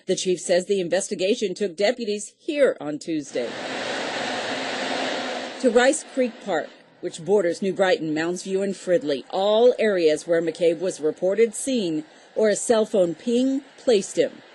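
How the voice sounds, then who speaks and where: A woman's voice: on the low side, expressive, a little slow, mellow, a little hiss or hum. American woman narrating a TV news report.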